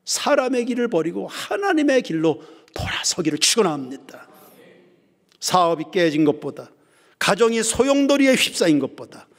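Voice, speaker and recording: A male pastor preaching a sermon, swinging from ringing emphasis down to hushed near-whispers. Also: on the high side. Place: church sanctuary. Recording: reverberant church hall.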